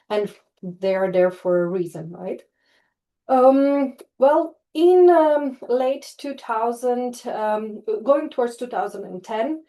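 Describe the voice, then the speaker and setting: Speaking in a dark-toned, mid-range voice, a woman from Croatia's Istria presents an online webinar as a tourism researcher. Over the video call she frequently hesitates, using fillers and starting over.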